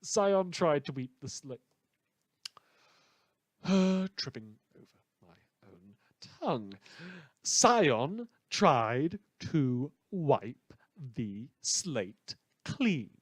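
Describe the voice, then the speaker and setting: In a post-apocalyptic fan audio drama, a man plays a cynical, misanthropic radio show host, speaking sardonically with dramatic, halting pauses. His medium-pitched voice sounds somber and bitter in a dry recording.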